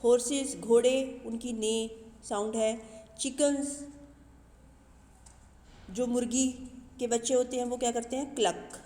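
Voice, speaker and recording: Woman, teacher, slow patient explanations for young kids, echoey room. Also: fairly high pitch, fairly even intonation, mellow. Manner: slow, explains each word twice. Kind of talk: bilingual English lesson for young children. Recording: echoey room with long reverb.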